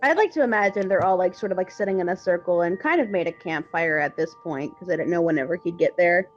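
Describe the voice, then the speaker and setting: A woman playing in a tabletop game, chatting casually with an animated, giggly, rambling manner. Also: lowish voice, quick pace, dull audio, soft background music. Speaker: player. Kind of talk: casual chat.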